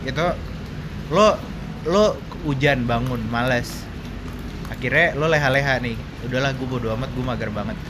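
A man's voice: medium pitch, normal speed. Jakarta-slang male podcast host, noisy background. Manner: joking, slangy, mixes in English words.

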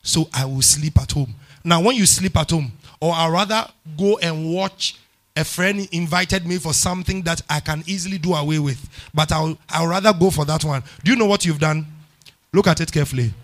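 A middle-aged man preaching with a Ghanaian English accent and a slightly high voice. He repeats lines for emphasis and moves between quiet, low passages and loud outbursts. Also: normal speed. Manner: emphatic, repeats phrases, swings from hushed to loud. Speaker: pastor. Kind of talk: sermon.

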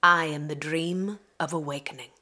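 A woman podcast guest reading a spoken-word invocation in a solemn, measured way. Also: sits low, fairly even intonation, sharp tone.

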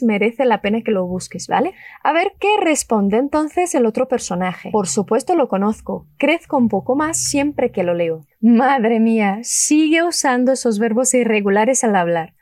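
Upbeat Spanish teacher. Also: female voice, on the high side, a little mellow, dry recording, studio quality. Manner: slow, clearly spelled-out model phrases for learners; upbeat, enthusiastic. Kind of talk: language lesson with repeat-after-me drills.

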